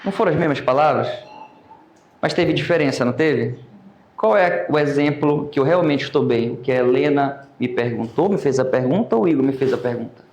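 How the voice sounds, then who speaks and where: A Brazilian man teaching an oratory class, lecturing lively and calling on students by name. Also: medium pitch, a little fast, roomy sound, highs cut off. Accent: Brazilian Portuguese.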